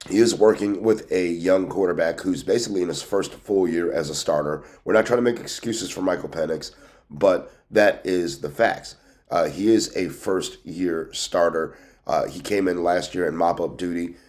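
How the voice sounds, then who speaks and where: A man with a deep, darkish voice hosts a sports team news show, giving casual, folksy, conversational commentary. He's got a cold and a scratchy throat, which makes him sound congested and nasal, like he's pinching his nose shut.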